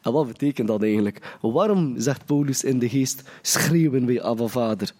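A man's voice: mid-range voice, normal speed, warm tone. A man preaching a sermon in an earnest way, often restarting his phrases. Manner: earnest, restarts phrases, acts out quoted prayers.

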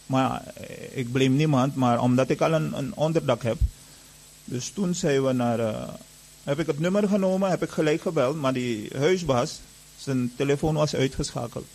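Gravelly man telling his testimony. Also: medium pitch, moderate pace, darkish tone, poor audio. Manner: earnest storytelling full of reported dialogue. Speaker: churchgoer giving a testimony. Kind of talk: personal testimony told to an audience.

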